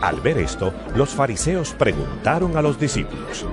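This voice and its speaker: A man narrating a Bible reading in an expressive storytelling manner. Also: mid-range voice, moderate pace. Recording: music bed behind voice. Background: guitar music.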